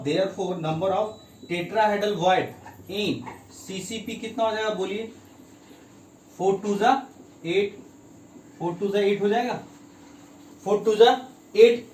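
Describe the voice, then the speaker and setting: High-voiced male chemistry teacher quizzing. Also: a little hiss or hum. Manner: keeps asking students quiz questions; mixes in English terms, repeats key phrases. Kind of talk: spoken classroom lesson. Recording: echoey room, mic at a distance.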